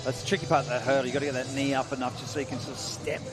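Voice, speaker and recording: A middle-aged man calls a diving meet in a loose, chatty, joking way. His voice sits at an everyday middle pitch. Loud music plays behind the commentary. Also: little pitch movement, rapid-fire. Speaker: diving commentator, academy coach. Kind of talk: live sports commentary.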